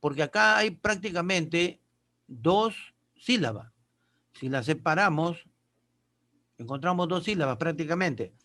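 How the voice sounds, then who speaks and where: Patiently explaining his lesson, a male teacher keeps asking questions he then answers himself, plus quick check-in questions. His fairly high voice has lively intonation and a sharp tone, and he moves a little slowly with long pauses.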